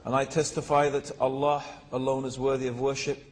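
A man telling his personal story in a religious talk, measured and pausing with fillers. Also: medium pitch, little pitch movement, slight background noise. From England. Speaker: guest speaker. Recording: reverberant lecture hall.

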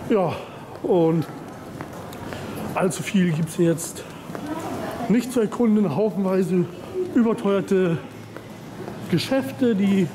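Young man, higher-pitched voice, rambling travel-vlog chat, handheld camera, loud terminal noise behind. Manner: chatty, rambling with fillers and pauses. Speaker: vlogger. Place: large indoor airport terminal. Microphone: handheld camera at arm's length. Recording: noisy terminal background.

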